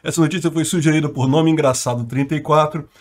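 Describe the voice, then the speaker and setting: A Brazilian man hosting his own channel goes through the news in loose, casual commentary, his voice fairly high, steady, quick, and slightly raised. He speaks Brazilian Portuguese full of slang, chatting away and laughing often between points.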